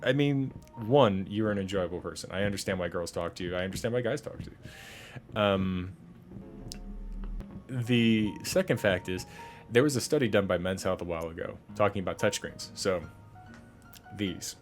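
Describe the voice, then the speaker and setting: Young guy doing a lets-play, lowish voice, goofy rambling, faint music behind. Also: normal speed, long pauses. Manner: joking, rambling asides to viewers. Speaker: gaming streamer. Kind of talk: casual let's-play commentary.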